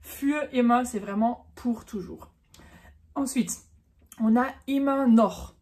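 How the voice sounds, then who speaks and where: A woman's voice: a little high, takes it slowly, a little mellow. A woman giving a casual, chatty online German lesson, correcting herself as she goes and stretching out the example words. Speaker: German teacher.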